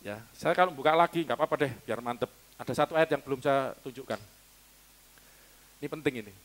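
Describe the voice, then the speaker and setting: A man's voice: medium pitch, fast, fairly bright tone. A man preaching a sermon to his congregation, teaching casually, quizzing listeners and laughing now and then. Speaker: pastor. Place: church hall.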